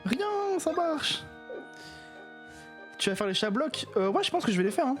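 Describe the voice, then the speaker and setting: A woman's voice: mid-range voice, expressive, very fast, faint music behind. A woman streamer giving casual, playful commentary while playing a video game, often laughing at her own voices.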